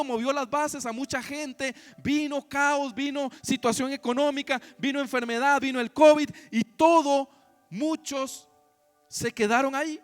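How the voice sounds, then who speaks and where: A man with a rather high voice preaches a church sermon, often calling out questions to the congregation. He moves from loud, emphatic lines to hushed, low ones, with soft music playing faintly behind him. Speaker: pastor. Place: church service.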